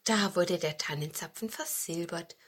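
A woman reading a children's fairy tale aloud in an expressive storytelling manner. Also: fairly low pitch, a little slow, breathy edge.

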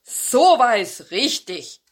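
A woman voicing a very old, loyal male watchdog in a fairy tale, gruff and slow. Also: a little high, very animated.

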